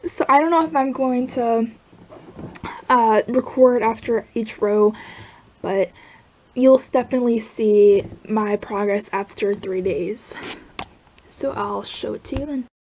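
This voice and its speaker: A woman chatting casually about her crochet project, rambling and laughing softly between thoughts. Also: fairly high pitch, slow pace, pauses often. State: hiccups. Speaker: crochet vlogger. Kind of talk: casual chat.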